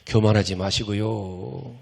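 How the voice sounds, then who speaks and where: A man's voice: fairly low pitch, steady tone, slow, vocal fry. A middle-aged male pastor preaching a sermon, folksy and impassioned, scolding the congregation and acting out pleading prayers.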